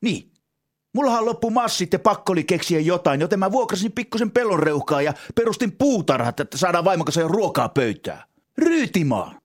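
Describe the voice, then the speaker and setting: A pushy, eccentric entrepreneur-gardener played by a man in a comedy sketch, pitching his odd ideas in a long ramble. His voice sits very high and swings widely up and down. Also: very animated. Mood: earnest pitch.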